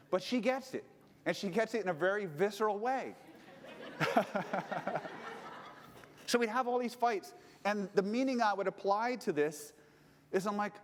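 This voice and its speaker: A man's voice: high voice, long reverb tail. A man casually telling a personal story as a relationship coach, candid and swearing freely. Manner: candid, swears freely, grows heated retelling the fight.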